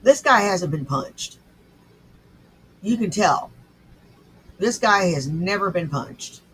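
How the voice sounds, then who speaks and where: A woman's voice: lowish voice, animated, fairly bright tone, a little hiss or hum, rough recording. A woman commenting on a clip in a blunt, scornful and sarcastic way. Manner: scornful, sarcastic, slow and deliberate. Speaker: commentator reacting to clips.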